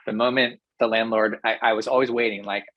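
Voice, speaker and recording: A professor talks through ideas as a podcast guest, speaking in a fairly low voice with steady, considered phrasing. The sound is dry and close, with almost no room around it. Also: male voice, no room sound, lo-fi sound. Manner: thoughtful, measured, with fillers. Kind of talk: explanatory interview talk.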